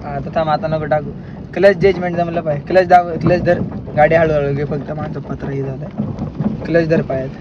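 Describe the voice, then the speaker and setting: Man from maharashtra, driving instructor, bossy repeated commands, high voice, muffled sound, loud road noise in a car. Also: fairly even intonation, fairly quick. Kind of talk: casual in-car coaching.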